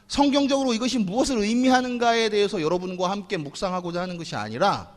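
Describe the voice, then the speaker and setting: A man's voice: very high-pitched, fairly bright tone. Man, pastor, sermon, earnest, talks straight to the congregation, long church reverb. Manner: earnest preaching, addresses the congregation directly. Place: church sanctuary.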